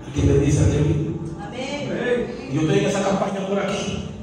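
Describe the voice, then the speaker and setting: A man preaching a sermon, passionate, swinging between loud and hushed and acting out his stories. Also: high voice, animated, moderate pace, a crowd in the background. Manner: tells stories with acted quotes. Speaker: pastor. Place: church hall. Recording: echoey hall from far off, music behind.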